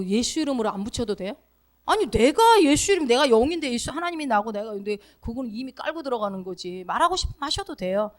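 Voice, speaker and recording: A woman preaching a sermon in a conversational way, asking the congregation questions and acting out short spoken commands. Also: fairly high pitch.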